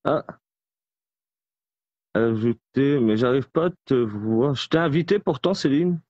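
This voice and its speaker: A man's voice: medium pitch, animated, measured pace, a little mellow, no echo. Guy hosting his first live stream, keeps apologizing, dead dry muffled sound. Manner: flustered, apologetic. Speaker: host of an online group live.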